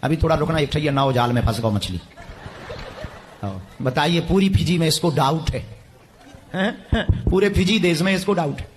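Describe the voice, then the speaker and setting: Taunting high-voiced preacher in a stadium. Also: male voice, normal speed, pauses often. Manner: taunting, mocking, commanding the crowd. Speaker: preacher addressing a stadium crowd. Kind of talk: live religious gathering address. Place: large packed stadium. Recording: echoey stadium with crowd ambience.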